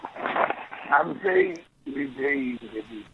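A man's voice: fairly high pitch, huge pitch swings, takes it slowly, gravelly. A man calling in to a talk radio show, sounding faint and distant because his phone is held away from his mouth. He repeats himself and is hard to make out. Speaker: radio caller. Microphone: phone held away from the face. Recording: tinny phone line, far off, noisy.

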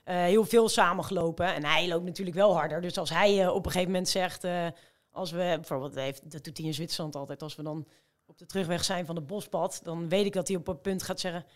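A woman's voice: on the low side, quick pace. Chatty woman telling stories. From Rotterdam, Netherlands. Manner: chatty, lots of fillers, lively storytelling. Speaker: guest, amateur marathon runner. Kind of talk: casual interview storytelling.

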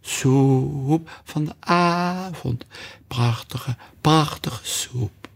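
A man voicing a melancholy mock turtle who sings a slow, mournful song in a storybook reading. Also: fairly high pitch, creaky, a little hiss or hum, voice pushed up, full character voice. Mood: mournful singing. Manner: slow mournful singing, drawn out.

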